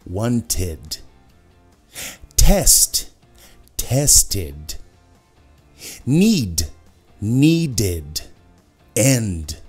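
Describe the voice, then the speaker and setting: Lively Brazilian man teaching English. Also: medium pitch. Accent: Brazilian Portuguese. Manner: animated, drills words by repeating them. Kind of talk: energetic video lesson.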